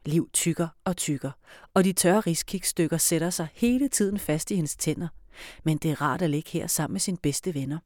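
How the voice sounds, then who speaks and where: A woman narrating a children's storybook in a calm, even reading voice. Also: low-pitched, no echo, studio quality.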